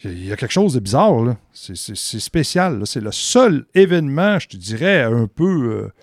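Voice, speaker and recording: Animated Quebec French man storyteller. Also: mid-range voice, normal speed, no room sound, clean studio sound. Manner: animated, swears casually. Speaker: podcast co-host. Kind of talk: casual storytelling chat.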